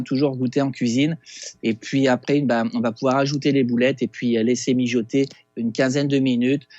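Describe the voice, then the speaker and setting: A man with a Québécois accent, a chef talking through a recipe on a casual radio segment, halting with many fillers and restarts over a phone line. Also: medium pitch, darkish tone, no room sound. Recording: dull lo-fi phone sound.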